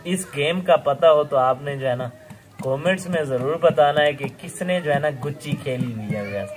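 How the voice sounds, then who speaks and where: With soft music in the background, this young man from Pakistan speaks in a voice on the high side at a normal speed. He's the host of a casual outdoor village vlog, chatty and laughing often as he addresses viewers, and he keeps saying "okay."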